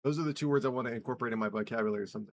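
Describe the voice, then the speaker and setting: A man casually streaming a video game, reacting with excited exclamations and rambling asides. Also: mid-range voice, very fast, dry recording. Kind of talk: casual live gameplay stream.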